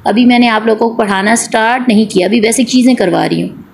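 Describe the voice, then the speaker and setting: A woman teaches Quran recitation in an online class, patiently repeating each point and asking and answering her own questions. She draws out the long vowel sounds to demonstrate. Her voice is a little high, gravelly and a little mellow, and she talks fast.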